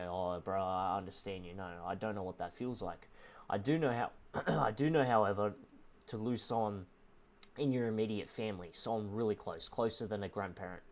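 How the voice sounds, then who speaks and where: Young male streamer with a low voice, heartfelt and emotional, speaking haltingly to a viewer. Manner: earnest, halting, repeats "bro" and "man". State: emotional, close to tears. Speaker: livestreamer.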